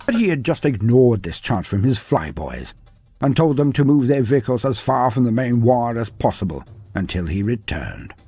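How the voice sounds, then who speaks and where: A man with a mid-range, sing-song voice narrates fantasy lore in a theatrical, grandiose scripted style at a moderate pace. His tone is warm with a breathy edge, and the dry recording has background music playing beneath him.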